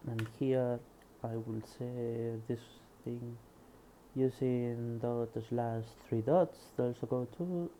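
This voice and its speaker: Taking it slowly, a man with a Spanish accent reads from a programming book in a mid-range, fairly even voice, pausing to muse quietly as he codes. He's from Spain, and the low-quality screen recording has slight background noise.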